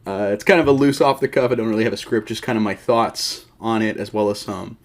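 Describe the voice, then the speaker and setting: A man's voice: on the low side, fast talker. Rambling, joking male MMA vlogger. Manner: rambling, self-deprecating, joking asides. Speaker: MMA show host. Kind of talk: unscripted casual commentary.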